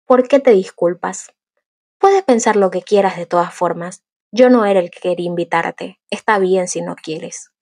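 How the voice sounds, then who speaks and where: A touchy young nobleman of an audiobook romance, curt and icy, his pride easily wounded, as a woman reads him. The voice is faintly husky and breathy, close and dry with no room sound. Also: lowish voice, moderate pace, darkish tone, dry recording. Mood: cold. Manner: cold and curt, easily offended. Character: proud, short-tempered young male cultivator heir.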